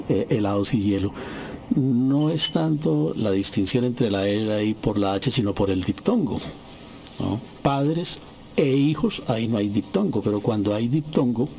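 Mellow hesitant man. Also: mid-range voice. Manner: hesitant, many fillers, asks for agreement. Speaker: panelist relaying a listener's note.

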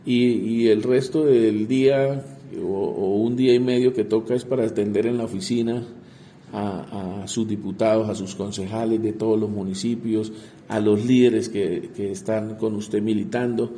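A man speaks in a very dark, mellow voice and a lowish register. He answers as a congressman in an interview, halting and repeating small words as he searches for the next phrase. Faint noise hums behind him. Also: steady tone.

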